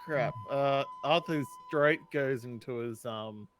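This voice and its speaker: A man playing a tabletop game, chatting casually in character in a halting, apologetic manner. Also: medium pitch, a crowd in the background.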